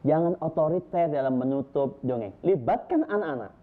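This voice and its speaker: A man teaching storytelling techniques in an emphatic, lively way, listing his points one by one. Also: on the high side, a little fast. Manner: lively, emphatic, lists points with rising energy. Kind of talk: instructional talk to storytellers. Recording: tinny phone-like sound.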